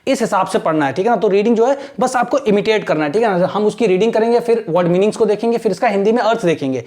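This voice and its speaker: A male teacher giving an online exam-prep English lesson. He speaks in a direct coaching tone, checks in after nearly every phrase, and reads English lines slowly, word by word, for his students to imitate. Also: sits high, darkish tone.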